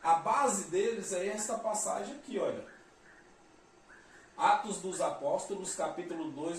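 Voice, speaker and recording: A Brazilian man with a Brazilian Portuguese accent preaching a sermon, emphatic and repetitive, reading verses aloud. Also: fairly high pitch. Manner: emphatic, repeats phrases, reads verses aloud. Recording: echoey, distant mic, faint noise.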